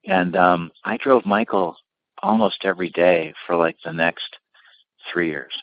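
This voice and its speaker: A middle-aged man with a deep, low voice tells long, rambling stories, with plenty of "you know" and "like." The sound is dry and a bit dull. It feels like a relaxed interview about his career. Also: unhurried, creaky, dry recording. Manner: rambling anecdotes with many fillers. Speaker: limousine company founder, interview guest.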